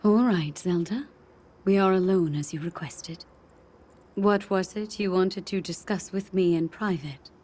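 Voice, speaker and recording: Queen Sonia, gentle low-voiced game queen. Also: measured pace. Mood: composed, knowing. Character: gentle, perceptive ancient queen, motherly and playful. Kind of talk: video game cutscene acting. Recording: orchestral game music behind the voice. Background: music.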